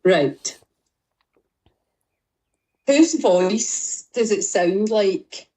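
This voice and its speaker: A woman's voice: medium pitch, animated, drawn-out words, mellow, husky. A woman with a Scottish accent coaching a group on a video call, speaking directly and reassuringly as she guides exercises. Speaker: fitness and mindset coach.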